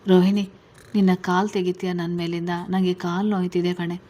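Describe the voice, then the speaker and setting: A woman's voice: on the low side, level tone, moderate pace, warm tone, close to an everyday voice. A woman voicing a fussy, teasing middle-aged father in a spoken family story.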